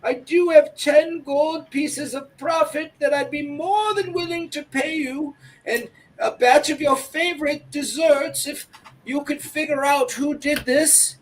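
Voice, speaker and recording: A man voicing a kindly old halfling woman baker in a high, quavering old-lady voice, sweet and fretful. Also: steady tone, a little slow, distant mic, rough recording. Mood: pleading. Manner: sweet, fretful, calls people dearie.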